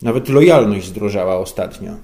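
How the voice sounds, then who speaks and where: Mężczyzna grający nadętego, protekcjonalnego szefa. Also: male voice, on the low side, expressive, normal speed, dark tone. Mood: grumbling. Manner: condescending, complaining. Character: pompous self-pitying male boss.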